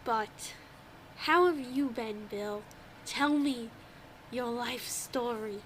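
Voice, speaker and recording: A young podcast co-host with a stuffy, congested nose talks slowly in a fairly high pitch during a casual chat. She curses freely and laughs often. A little hiss or hum comes from her old home microphone.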